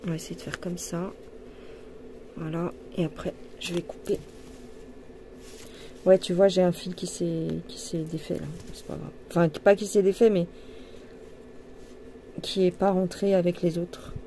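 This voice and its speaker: Woman, craft vlogger, mellow tone, playful chatty delivery. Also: fairly low pitch, level tone, a little slow, long pauses, slight background noise. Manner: chatty, playful, puts on a jokey accent. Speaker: cross-stitch vlogger. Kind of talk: casual chat while embroidering.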